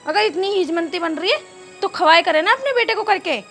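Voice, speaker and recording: A woman's voice: very high voice, expressive, fairly quick, gravelly, a bit bright, soft background music, exaggerated voice. A woman playing a resentful young daughter-in-law who complains sharply. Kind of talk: rural film drama acting.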